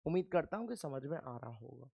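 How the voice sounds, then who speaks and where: A man's voice: medium pitch, expressive, fast, vocal fry, mellow, slightly rough, no echo. Dry, drilling male chemistry teacher. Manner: quizzes the viewer with repeated questions and answers them himself; firm, scolding reminders to pay attention. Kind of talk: classroom lecture.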